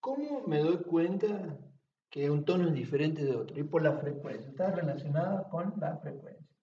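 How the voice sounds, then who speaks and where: Male teacher, fairly high voice, patient step-by-step explainer, distant muffled home recording. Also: expressive, moderate pace, dark tone, roomy sound. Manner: patient, checks understanding with frequent tag questions. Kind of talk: classroom-style explanation.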